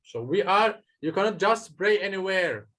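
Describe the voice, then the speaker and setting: A man's voice: high voice, lively intonation, normal speed, pushed and bright. A male teacher in a classroom, patiently explaining a lesson to students step by step with frequent hesitations. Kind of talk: classroom lesson, questions and answers.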